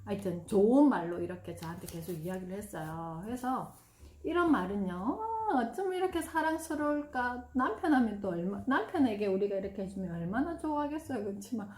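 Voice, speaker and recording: A woman's voice: mid-range voice, lively intonation, quick pace. Echoey-voiced woman teaching parents. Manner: warm, demonstrative, acts out gushing praise in bursts. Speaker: parenting educator. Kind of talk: parent-education talk reading from a book. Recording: roomy echo.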